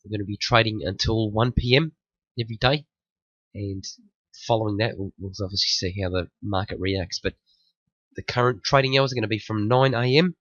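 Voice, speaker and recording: A man leading a day trading room breaks down the market, a bit sniffly after the flu, restarting phrases, repeating himself and urging caution. His pitch is fairly low and his tone a bit bright. The recording is muffled but free of echo.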